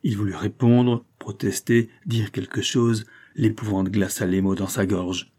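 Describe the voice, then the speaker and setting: Male narrator for classic fiction, measured and dramatic, husky low voice. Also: fairly even intonation, a little mellow. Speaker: audiobook narrator. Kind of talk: classic novel reading.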